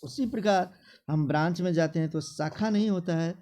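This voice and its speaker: A man teaching a classroom spelling lesson, slowly drilling words and repeating them for his students, with a Bihari Hindi accent. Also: sits high, mellow.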